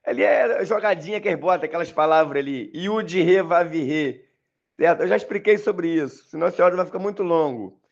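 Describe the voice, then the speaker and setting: A man's voice: fairly high pitch, brisk, gravelly, lo-fi sound. A man with a Brazilian Portuguese accent recording a voice message, talking insistently and repetitively to his listeners. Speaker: religious commentator. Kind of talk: voice message monologue.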